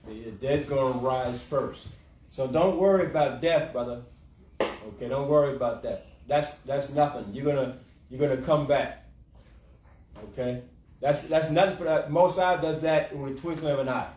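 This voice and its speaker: A class leader teaches scripture informally in a mid-range, darkish voice at a moderate pace, repeating his points and checking in with short tag questions like "okay" and "huh." The room is echoey, the mic is distant, and there's slight background noise.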